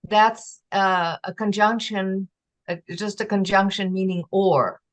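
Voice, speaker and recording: A woman giving an online lecture on a constructed language, explaining slowly with pauses and sounding out example words. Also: mid-range voice, fairly even intonation. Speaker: presenter teaching a constructed language. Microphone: video call.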